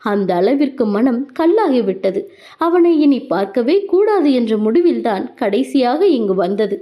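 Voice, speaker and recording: A woman narrating a romance novel as an audio book, with expressive storytelling. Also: fairly high pitch, measured pace.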